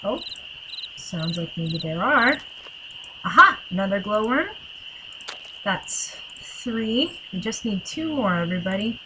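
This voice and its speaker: A woman's voice: mid-range voice, lively intonation, noisy background. A woman streamer chatting casually to her viewers while playing a game. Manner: chatty, unhurried, talks to viewers. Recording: loud game music behind. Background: game music.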